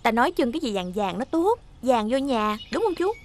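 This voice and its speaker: A woman's voice: fairly high pitch, brisk, slight background noise. An actress playing a cheeky young woman, teasing and arguing with an old uncle in a TV sitcom. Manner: teasing, argumentative, lively. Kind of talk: TV sitcom acting.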